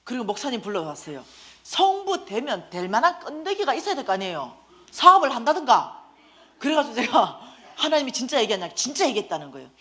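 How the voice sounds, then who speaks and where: A middle-aged woman, giving a lively sermon-style testimony and acting out the conversations in her story. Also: on the high side, fairly quick. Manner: animated storytelling, acting out dialogue. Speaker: church finance lecturer.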